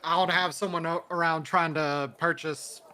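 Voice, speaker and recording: A man's voice: a little high, steady tone, normal speed, bright, forceful tone. A man voicing a nervous male carpenter drinking ale after work, talking in a hedging, stammering way. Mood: relieved.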